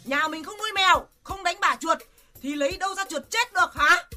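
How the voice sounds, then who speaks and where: An actress playing a fussy, outspoken older village wife in a radio drama, loud and exclamatory. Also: female voice, a little fast, full character voice. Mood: indignant. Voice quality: shrill, scolding, exclamatory. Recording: music bed under the voice.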